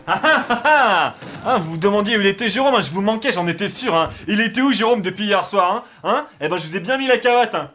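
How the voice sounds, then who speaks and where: A man voicing a smug male troublemaker who teases and gloats in a drawn-out way, in a comedy sketch. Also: high voice, lively intonation, fairly bright tone, slight background noise, voice pushed down. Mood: smug gloating.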